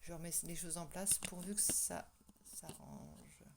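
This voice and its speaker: A woman's voice: lowish voice, huge pitch swings, measured pace, creaky, background noise. Chatty woman reading tarot cards. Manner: chatty, hesitant with many fillers and restarts, laughs often. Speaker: tarot reader. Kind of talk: casual tarot reading to camera. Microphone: microphone that keeps falling.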